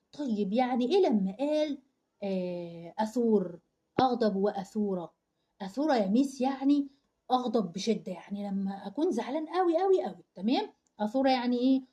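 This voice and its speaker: A woman's voice: on the high side, mellow. Egyptian woman teacher quizzing young pupils. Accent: Egyptian Arabic. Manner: asks questions and answers them herself, repeating word meanings. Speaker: primary school Arabic teacher. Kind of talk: online reading lesson for young children. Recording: dull lo-fi sound.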